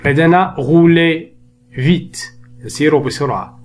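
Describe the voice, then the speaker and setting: Man teaching grammar slowly, repeating words. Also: on the high side, slight background noise. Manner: switches between slow, drawn-out spoken French and brisk explanations; repeats words and conjugation lists slowly for dictation. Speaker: French teacher. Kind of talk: bilingual grammar lesson.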